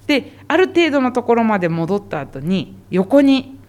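A woman's voice: fairly high pitch, sing-song, normal speed, a little mellow. A woman who works as a zoo animal specialist, explaining animal behavior patiently and in detail for a podcast interview.

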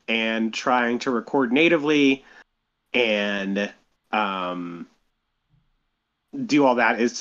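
Man talking slowly through a lo-fi phone recording. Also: medium pitch, a bit bright. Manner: halting, careful, self-deprecating. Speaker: podcast co-host. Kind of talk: casual chat.

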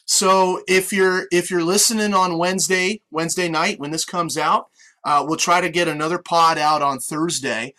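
An American man hosts a casual sports podcast. His voice is bright and forceful, sitting slightly high for a man. He talks conversationally, like someone used to being on air. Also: fairly even intonation, normal speed. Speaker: podcast host with on-air experience. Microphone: online video meeting call.

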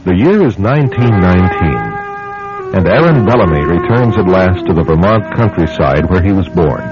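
A man's voice: low voice, lively intonation, normal speed. A man acting as the solemn, dramatic narrator of a vintage radio horror tale. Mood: solemn, foreboding. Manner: solemn, dramatic, ominous storytelling. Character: grave male narrator of a radio terror tale. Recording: dull vintage radio sound, music behind.

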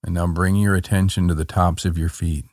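A man guiding a body-scan relaxation in a calm, meditative tone, gently giving short soothing instructions. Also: low-pitched, brisk, no echo, studio quality. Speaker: meditation guide.

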